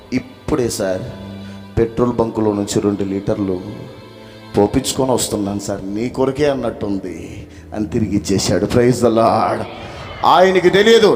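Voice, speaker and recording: A man preaching a revival sermon, telling a testimony and acting out the dialogue, calling the crowd to shout hallelujah. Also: medium pitch. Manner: acts out dialogue in storytelling. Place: revival meeting in a village. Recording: music playing behind the voice.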